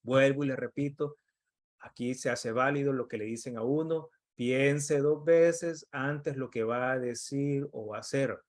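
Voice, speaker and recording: This emotional intelligence coach, a middle-aged man from El Salvador, talks in a medium-pitched, steady voice that runs a little slow. His motivational talk is earnest and chatty, and he acts out bits of quoted dialogue.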